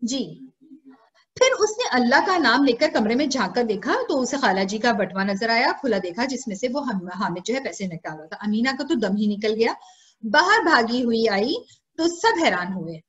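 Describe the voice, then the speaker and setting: A woman teacher with a Pakistani Urdu accent narrates a story for young pupils in an online class. Her voice sits high and moves through a wide, animated range. The sound comes through a dull, lo-fi video call. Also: moderate pace. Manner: expressive, repeats lines as questions to pupils.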